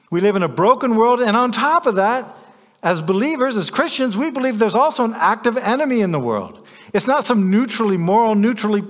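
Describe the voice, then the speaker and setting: A man's voice: high voice, in a large hall. A man preaching a sermon as a pastor, stressing points by repeating phrases.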